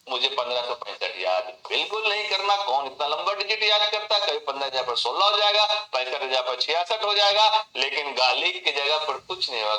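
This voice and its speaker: A man teaching an online memory class, animated and talking straight to students by name while mixing English phrases into his Hindi. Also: a little high, reverberant, poor audio.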